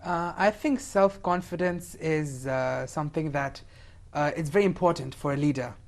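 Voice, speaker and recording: A seventeen-year-old boy from India appears as a young guest on a talk show, speaking hesitantly and filling his sentences with lots of fillers. His voice is fairly high-pitched and moves at a moderate pace.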